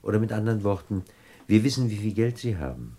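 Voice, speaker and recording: An actor playing a suave, calculating gentleman criminal who speaks with polished courtesy in a radio play. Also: on the low side, very animated, quick pace.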